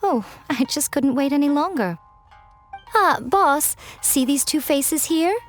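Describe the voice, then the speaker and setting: A woman's voice: high voice, lively intonation, slow pace, soft background music. A woman playing a sly, self-assured fox shrine maiden in a video game, talking in a playful, haughty, teasing way. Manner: playful, haughty, coyly nonchalant. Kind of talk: video game character acting.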